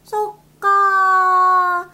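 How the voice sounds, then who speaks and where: A woman voicing a small, dim, cheerful scrubbing-brush creature with a squeaky, babyish voice in a comedy skit. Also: level tone, bright, forceful tone, exaggerated voice. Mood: childish, chirpy. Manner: squeaky babyish chirps, drawn-out slow speech.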